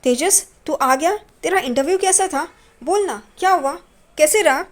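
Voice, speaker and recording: A doting, anxious mother who fires off questions and fusses over her son, read by a woman narrator. The voice sits high and stays close to everyday talk, with little acting. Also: lively intonation, normal speed. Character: fussing mother of a grown son.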